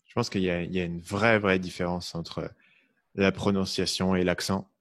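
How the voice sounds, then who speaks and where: A man's voice: sits low, little pitch movement, normal speed, no echo, studio quality. A man with a mixed French accent, hosting a podcast and asking questions in casual conversation. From France. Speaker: podcast host. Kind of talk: casual interview chat.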